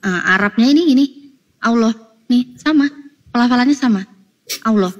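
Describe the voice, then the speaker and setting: A woman's voice: fairly high pitch, moderate pace, highs cut off. A woman in a heated online debate, talking in an insistent, lecturing way and sounding exasperated, on a video call.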